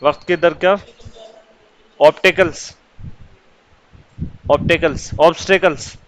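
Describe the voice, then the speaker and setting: A man teaches English words to young children with a high, clear and smooth voice. He poses a question, then answers it himself with patient, repeated steps. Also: fairly even intonation, poor audio.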